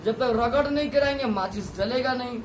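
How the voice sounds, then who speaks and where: Male teacher, high voice, repeats terms and quizzes the class, roomy classroom echo, mic a few feet off. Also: a little fast, slight background noise. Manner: repeats key terms, asks students questions. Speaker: physics teacher. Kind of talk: classroom lesson. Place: classroom with students. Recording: echoey room, voice from a distance.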